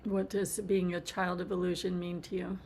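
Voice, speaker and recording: A woman teacher leads a group reflection and asks open questions at an even pace. Her voice is gentle, and faint noise sits behind it. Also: lowish voice, normal speed, gravelly. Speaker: teacher leading a group discussion.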